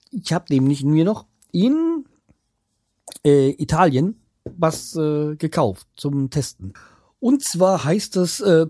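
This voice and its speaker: A vlogger from around Hanau chats casually to his viewers from home, rambling, trailing off, and restarting with lots of fillers. His voice sits a little high with a warm tone, and the recording is dry and clean, studio-grade.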